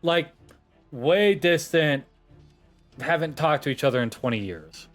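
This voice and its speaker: A man's voice: fairly high pitch, animated, a little slow, soft background music. A man running a tabletop game as game master, apologetic and laughing, often stumbling over his words.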